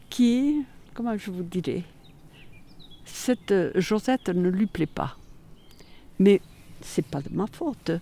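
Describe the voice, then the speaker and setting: A woman's voice: fairly low pitch, vocal fry, mellow. An older woman from Catalonia with a Catalan accent, recalling her past in a chatty, hesitant way with many fillers. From Catalonia, Spain. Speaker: interviewee. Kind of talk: casual recollection.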